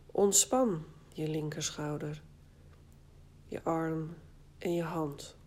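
Slow, low-voiced woman guiding relaxation. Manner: calm, soothing, short phrases with long pauses. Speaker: guided meditation instructor. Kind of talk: guided body scan relaxation narration.

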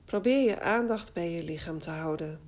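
A woman guiding a body scan relaxation exercise, speaking calmly and soothingly in short phrases with long pauses. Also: on the low side. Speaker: guided meditation instructor.

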